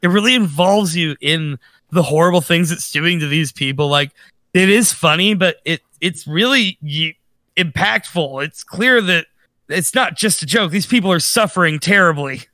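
Podcast co-host, male, a bit high, bright edgy tone, dry close mic, talks in loose animated bursts. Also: normal speed, dry recording. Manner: animated, rambling with restarts. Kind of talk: casual chat.

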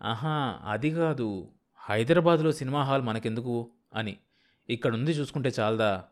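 A man voicing a meek, doubtful middle-aged husband who grumbles softly. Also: mid-range voice, normal speed, close to an everyday voice. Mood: grumbling. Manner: soft, grumbling, hesitant.

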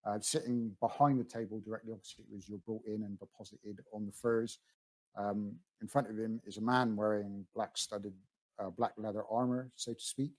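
A man's voice: on the low side, level tone, moderate pace, a little mellow, rough recording. A man narrating as game master of a tabletop game, with frequent ums and restarts. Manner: hesitant, many ums and restarts.

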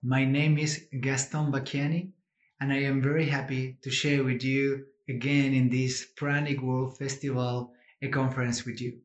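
A man from Argentina with an Argentine Spanish accent, a native Spanish speaker, giving an informal personal conference talk in halting, simply phrased English. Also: mid-range voice, flat delivery, reverberant.

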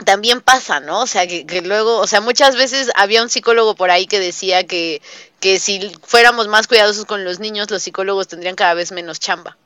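A woman's voice: mid-range voice, fairly quick, clean tone, dry recording. A young woman with a Mexican accent, a teacher, talking casually in an interview and acting out the dialogue in her stories. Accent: Mexican Spanish. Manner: animated storyteller, acts out quoted dialogue. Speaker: guest, early childhood teacher.

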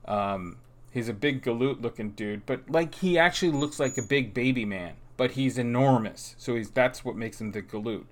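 A man's voice: mid-range voice, moderate pace. A man as a podcast guest in casual comic banter, playful and rambling, repeating phrases insistently.

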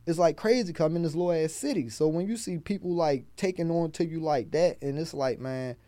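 A man's voice: fairly high pitch, a little fast, no echo. Streetwise Baltimore man telling stories. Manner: streetwise, profane, animated storyteller. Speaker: guest, rapper and food truck owner. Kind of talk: casual podcast storytelling.

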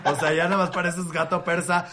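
A man's voice: fairly high pitch, little pitch movement, brisk, background noise. A man, a podcast co-host chatting crudely and reading a listener's story aloud, with frequent laughter. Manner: joking, crude, laughs often.

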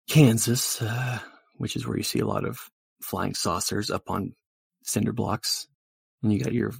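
A man's voice: lowish voice, vocal fry, husky, no echo. A man riffing in improv comedy, rambling and profane. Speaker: improv performer.

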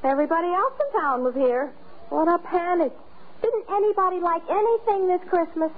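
An actress playing a chatty, scatterbrained young store clerk in old radio comedy, with a dithery, singsong manner. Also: female voice, very high-pitched, brisk. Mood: chatty, puzzled. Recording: tinny, phone-like old radio recording.

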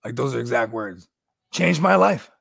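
A man in his thirties with a gravelly, husky voice, rambling through stories in casual chat as a co-host, full of "you know what I mean.". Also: mid-range voice, animated, normal speed, a bit bright, no echo, clean studio sound. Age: 30s. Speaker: podcast co-host.

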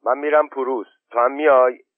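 A man's voice: medium pitch, steady tone, no room sound, pitched above the performer's own voice, lightly acted. A man reading aloud voices a bold, blunt village man. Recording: thin phone-like sound.

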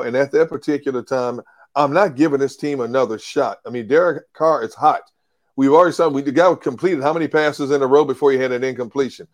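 A man on a casual sports talk show, explaining plays in a measured, coach-like way. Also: medium pitch.

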